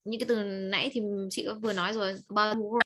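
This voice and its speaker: A woman with a Vietnamese accent teaching an online English speaking lesson, correcting pronunciation in a brisk, corrective manner. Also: mid-range voice, steady tone, sharp tone, a little hiss or hum, rough recording.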